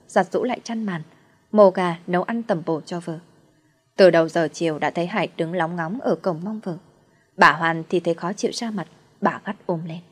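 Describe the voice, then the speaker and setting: Woman narrating a story audiobook, lowish voice, steady pace.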